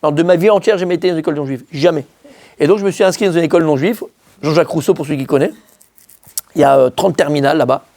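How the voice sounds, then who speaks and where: A man from France, a rabbi, telling a personal story in a lively, animated way, often acting out his own words. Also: a little high, racing.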